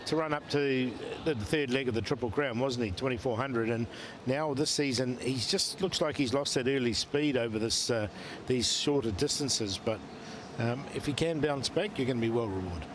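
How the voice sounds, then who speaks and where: Male betting pundit for live racing coverage, average pitch, faint background noise. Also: normal speed. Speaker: betting analyst. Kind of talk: live betting market commentary.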